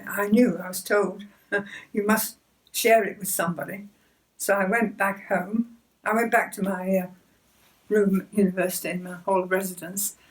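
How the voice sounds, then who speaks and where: An older woman recounts her faith story in a gentle, halting way, circling back over her words with small soft laughs. Her voice sits at an ordinary middle pitch. The mic catches her from a little distance. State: emotional near the end. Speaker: church member sharing testimony. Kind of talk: personal faith testimony.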